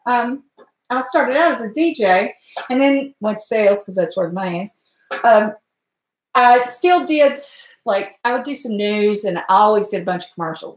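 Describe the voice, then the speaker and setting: Standing at the stove in her home kitchen, this cooking live streamer, a woman in her forties with an Appalachian Virginia accent, rambles in a folksy way to her chat viewers. She has a mid-range voice, captured by a webcam in an echoey kitchen.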